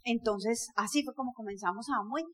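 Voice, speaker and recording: High-pitched, forceful woman speaker. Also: moderate pace. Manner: energetic, forceful and emphatic; lively, laughs often and works the crowd. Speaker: motivational speaker. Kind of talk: speaking to a live audience.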